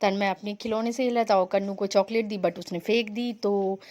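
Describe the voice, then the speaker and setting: A woman's voice: mid-range voice, fairly even intonation, brisk, darkish tone. A young woman from India narrating her family vlog in a chatty, rambling way, mixing in English words. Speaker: vlogger.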